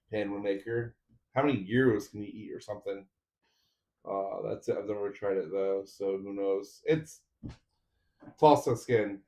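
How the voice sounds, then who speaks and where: A man's voice: lowish voice, a little mellow. A man streaming a 3D printer build, chatting casually with viewers while he assembles parts. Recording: roomy echo.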